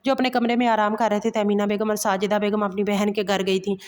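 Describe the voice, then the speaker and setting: A woman reading a romantic novel aloud as a storyteller, in a steady voice that stumbles and restarts now and then. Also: mid-range voice, fairly quick. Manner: even, steady reading with occasional slips and restarts. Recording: long hall reverb.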